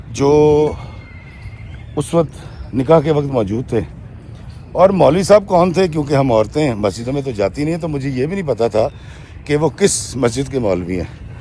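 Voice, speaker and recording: A mellow, mid-range male voice with slight background noise narrates a true story for viewers. He repeats a woman's account in her own words, regularly adding "she says," and now and then turns to his listeners as friends.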